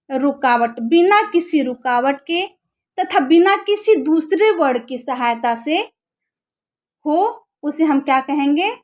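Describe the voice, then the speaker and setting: A young woman teaching an exam-prep lesson, who asks her class questions and answers them herself while repeating the key terms. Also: sits high.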